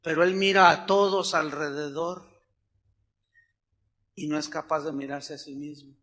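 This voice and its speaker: A man's voice: on the high side, steady tone, measured pace, a bit bright. A middle-aged man with a Mexican Spanish accent, preaching a sermon as a pastor in a conversational storytelling way, acting out the voices of other people.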